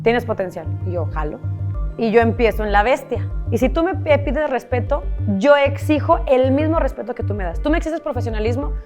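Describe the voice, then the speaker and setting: Candid Mexican woman, higher voice. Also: fairly quick, few pauses, music in the background. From Monterrey, Mexico. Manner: candid, repetitive, swears casually. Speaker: guest. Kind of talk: emotional personal storytelling.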